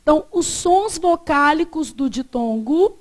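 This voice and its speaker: A woman with a Brazilian accent leads a grammar class in a classroom lecture, having students fill in words and repeating their answers. Her voice sits high, and she sounds animated yet unhurried.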